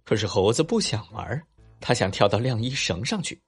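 A man tells a bedtime story to children in a playful, animated voice. His voice is low and husky and moves up and down a lot. Soft music plays behind him. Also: normal speed.

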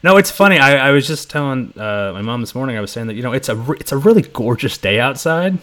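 A man's voice: mid-range voice, animated, quick pace, a bit bright. A man hosting a casual podcast interview over a video call, joking and laughing often. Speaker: podcast host.

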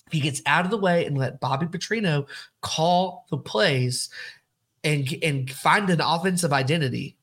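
A man co-hosting a casual sports podcast, animated and emphatic, often repeating himself. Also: fairly high pitch. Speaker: podcast co-host.

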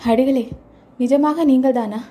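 A woman's voice: high-pitched, unhurried, warm tone. A woman voicing a fierce skull-cult hermit woman with a hard, harsh voice in a storybook reading.

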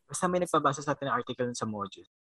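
A man's voice: mid-range voice, animated, very fast, sharp tone, no room sound, rough recording. A young man with a Filipino accent, co-hosting a casual podcast chat, mixing English into his talk and laughing often. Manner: switches between Filipino and English, laughs often, trails off with fillers. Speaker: podcast co-host.

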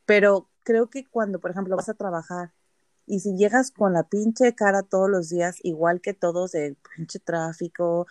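A woman's voice: lowish voice, steady tone, normal speed, a little mellow, no room sound. A Mexican woman co-hosting a podcast, chatting casually and telling stories animatedly, full of slang and swearing. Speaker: podcast co-host. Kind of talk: casual chat.

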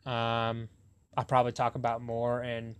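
A man's voice: mid-range voice, completely flat delivery, unhurried, clear, resonant tone. A young man hosting a podcast in casual chat, rambling and correcting himself as he talks. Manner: rambling, self-correcting, laughs often. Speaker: podcast host.

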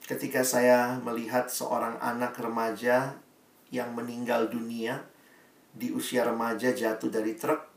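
Male pastor, sermon, gravelly voice, echoey distant room sound. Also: a little slow. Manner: animated, acts out quotes in a high pleading voice.

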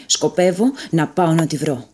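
A woman voicing a proud, hot-headed young prince who speaks curtly and with scorn, in a low voice. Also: a little mellow, husky. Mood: defiant. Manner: curt and scornful.

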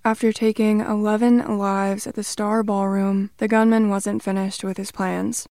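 A woman delivering scripted true crime narration in an even, measured way. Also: mid-range voice, dry recording, clean studio sound.

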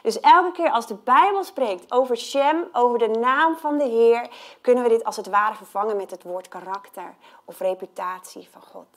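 A woman delivers a sermon with earnest, emphatic conviction. Her voice sits fairly high, and on the weightiest points she sinks into a soft, near-whispered hush before going on. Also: moderate pace. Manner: earnest, emphatic, drops to hushed tones on key points. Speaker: preacher.

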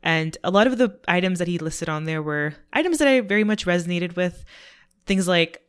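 A man's voice: high-pitched, lively intonation, fairly quick, fairly bright tone, smooth. A man hosting a podcast, introducing his guest and asking questions in a friendly, upbeat way. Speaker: podcast host. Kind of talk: casual interview hosting.

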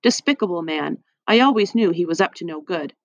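A woman's voice: lowish voice, expressive, brisk, vocal fry, dry recording. A spiteful hospital matron sneers in a cold, scornful voice, read by a woman for a storybook. The sound is dry and a little dull, close up with no room. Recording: dry, slightly muffled.

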